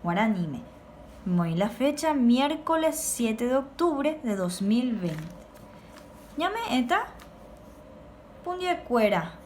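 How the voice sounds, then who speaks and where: Woman, teacher, remote children's lesson, slow clear word drills, slight hiss. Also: on the high side, big pitch swings, a little mellow.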